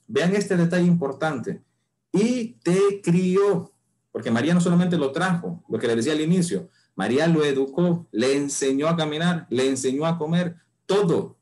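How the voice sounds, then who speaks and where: Man preaching a slow Bible lesson. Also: on the high side, a little mellow. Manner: slow emphatic reading of scripture, rhetorical questions.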